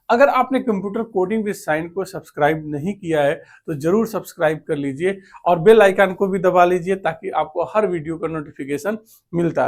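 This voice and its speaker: A male computer teacher giving a classroom lecture, posing questions and answering them himself, and restating key terms in English. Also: high voice. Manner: answers his own rhetorical questions.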